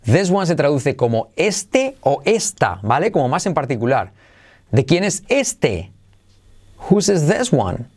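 Male English teacher with a Spain Spanish accent, bilingual lesson, slow modeled phrases. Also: on the high side, big pitch swings, a little mellow. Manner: slow, careful model phrases, asks "¿vale?" often.

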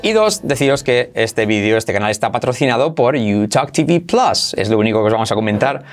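A man from Spain with a Spanish accent, teaching English phrases in an energetic lesson and coaxing the listener to repeat after him. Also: mid-range voice, soft background music. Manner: drills phrases slowly, coaxing "come on, repite conmigo".

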